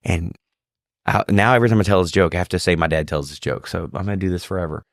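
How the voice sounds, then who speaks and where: A man's voice: sits low, dry recording, studio quality. Joking man hosting a podcast. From Louisiana. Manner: joking storyteller, quick and animated. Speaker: podcast host. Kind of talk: casual chat.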